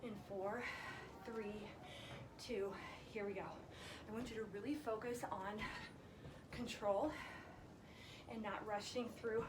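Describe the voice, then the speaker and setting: A woman fitness instructor leading a workout live, counting and giving short encouraging instructions, a little breathy from exertion. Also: medium pitch, fairly even intonation, takes it slowly, long pauses. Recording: echoey, distant mic, loud background noise.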